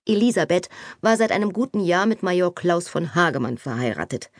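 Expressive lowish woman narrating. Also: a little fast, no room sound, clean studio sound. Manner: expressive, animated storytelling. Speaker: audiobook narrator. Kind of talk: scripted narration.

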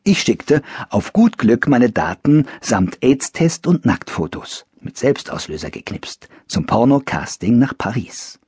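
A man tells a first-person story for an audiobook with a wry edge. His voice is husky and swings widely in pitch. The recording is dry and close. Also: sing-song, a little slow, few pauses, a little mellow, no room sound. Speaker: audiobook narrator. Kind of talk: first-person scripted narration.

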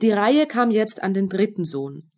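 A woman reading a fairy tale aloud for children as an audiobook narrator, in clear storytelling. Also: mid-range voice, sing-song, unhurried, a little mellow.

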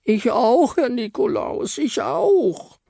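A man's voice: animated, slow, gravelly, dark tone, no echo, clean studio sound, exaggerated voice. A man voicing a self-important, big female chocolate star who whines and wails melodramatically. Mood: eager. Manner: shrill, wailing and melodramatic.

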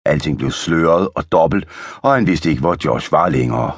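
Male narrator for kids' audiobook, low and husky, steady storytelling. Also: no room sound, studio quality.

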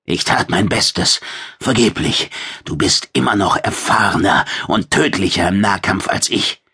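A male audiobook narrator voicing a proud but outmatched male alien warrior who speaks flatly. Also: low voice, unhurried, slightly rough, dry recording, clean studio sound, exaggerated voice. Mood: conceding. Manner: flat, terse. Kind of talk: audiobook character voice.

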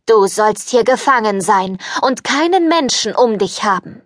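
A woman's voice: fairly high pitch, animated, unhurried, no room sound, clean studio sound. A woman reading an audiobook, voicing an old beggar woman who turns into a stern fairy, speaking solemnly.

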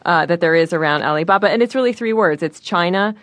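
A woman's voice: on the low side, fast talker, no echo. A woman journalist on a news panel who talks chattily with laughs and many restarts. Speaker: journalist guest.

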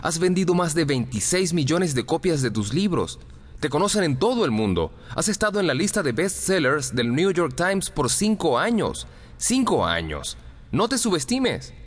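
A man's voice: fairly high pitch, expressive, moderate pace, in a large hall, voice pushed up. A man voicing an encouraging, pushy male business promoter, coaxing and insistent, in an audiobook reading.

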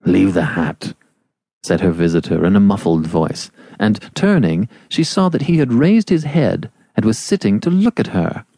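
A man's voice: on the low side, sing-song, normal speed, hardly any pauses, warm tone, dry recording. A man narrating a classic novel as an audiobook, shaping each phrase expressively.

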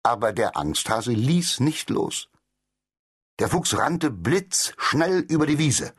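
A man narrating a children's storybook, telling it in an animated way and doing the characters' voices. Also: medium pitch, slow, husky. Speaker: audiobook narrator.

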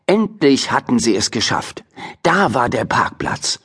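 A man narrating a children's audiobook with expressive, playful storytelling. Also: medium pitch, measured pace, breathy edge.

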